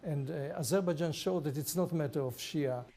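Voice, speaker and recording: A man with an Israeli accent giving formal, halting interview answers as an ambassador. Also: a little high, dark tone. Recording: clear background noise.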